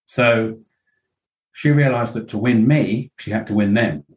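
A middle-aged man speaks in a lowish register. He talks candidly as a podcast guest. His talk rambles, full of fillers and quoted asides. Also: unhurried, rough recording. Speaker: interview guest.

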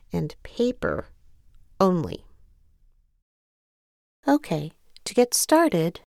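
Slow soft-edged woman doing a guided exercise, compassionate and gentle, mellow voice, bit of fry, super dry recording. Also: medium pitch, dry recording. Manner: gentle, compassionate, unhurried coaching. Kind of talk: scripted guided self-care exercise narration.

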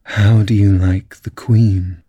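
Man reading as a lazy, drawling grinning cat, low and unhurried, storybook. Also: warm tone, husky, dry recording, heavily acted. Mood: sly. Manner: slow, low-voiced, laconic.

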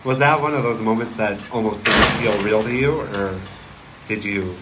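A man hosting an interview, asking relaxed questions and joking lightly. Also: fairly low pitch, normal speed. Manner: relaxed, easygoing, jokes lightly. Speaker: interviewer host. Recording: heavy background hiss.

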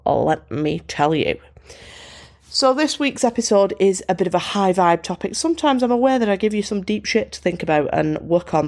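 A British woman chats through a solo podcast in an upbeat, self-deprecating way. Her fairly low, creaky voice sounds bunged-up and congested.

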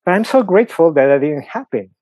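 Quick and expressive, the middle-aged priest from Peru speaks in a slightly high, slightly mellow voice with a Peruvian Spanish accent. As a podcast guest he explains his views using many fillers and examples, with no room sound.

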